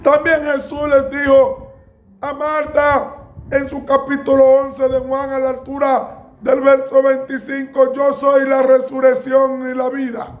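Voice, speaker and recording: A man preaching a sermon in a slow, emphatic way, with bursts of raised voice. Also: very high voice, monotone.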